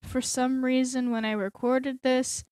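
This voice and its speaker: A woman hosting a casual game tour, talking in a relaxed, chatty way with lots of ums, and her S sounds come out like a lisp. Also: sits high, measured pace, clear, resonant tone, no echo. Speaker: channel host giving a game tour. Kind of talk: casual gaming chat.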